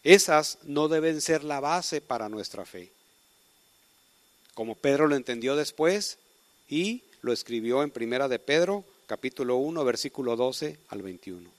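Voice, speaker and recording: A man preaching a sermon, emphatic, with sudden swings from soft to loud. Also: mid-range voice, lively intonation, unhurried, no echo.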